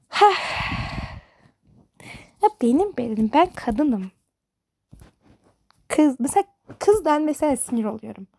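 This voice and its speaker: A teenage girl with a high, mellow voice vents to the camera in a casual, rambling monologue. She sounds fed up and exasperated, and her words tumble out in loose asides. The sound is dry and close, with no room around it. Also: no echo. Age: teens. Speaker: high school student.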